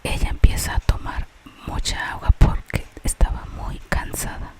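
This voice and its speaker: A person telling a gentle bedtime-style tale in Spanish in an unvoiced ASMR whisper, slowly and without hurry. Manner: whispers throughout, slow and unhurried. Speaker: storyteller.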